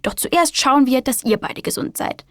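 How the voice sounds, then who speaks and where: A woman's voice: sits high, lively intonation, moderate pace, no room sound, clean studio sound. Woman reading a patient kindly children's doctor. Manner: warm, encouraging, explaining.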